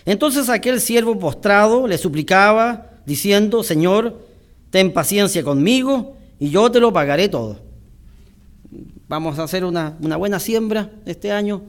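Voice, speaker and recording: Male preacher, high voice, church sermon, reads scripture, then explains slowly with pauses. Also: animated. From Chile.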